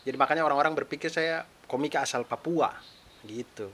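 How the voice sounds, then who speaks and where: A fast-talking young adult man with a fairly high, sharp-toned voice hosts his own podcast solo, chatty and self-deprecating. He is a stand-up comedian from East Nusa Tenggara in eastern Indonesia with a mixed eastern Indonesian accent, recorded with faint hiss.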